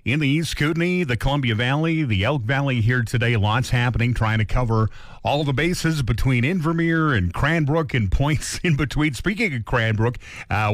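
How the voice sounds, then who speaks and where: A man's voice: medium pitch, no echo. Close, dry-sounding male radio host. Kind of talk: casual radio announcing.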